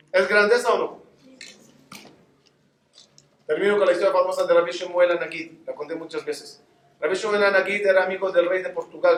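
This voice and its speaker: A rabbi with a high-pitched voice delivers a sermon full of animated storytelling, speaking directly to his listeners. He's recorded on a distant mic in an echoey room.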